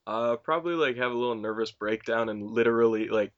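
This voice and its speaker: A man's voice: mid-range voice, fast talker, muffled recording. A young man hosting a casual movie podcast, joking and laughing often. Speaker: podcast host.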